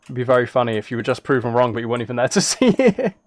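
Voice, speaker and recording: A man racing through self-amused, rambling game commentary on a live stream speaks at medium pitch with big pitch swings, chatting casually indoors at a computer. There is no echo, though clear background noise and keyboard and mouse clicks come through.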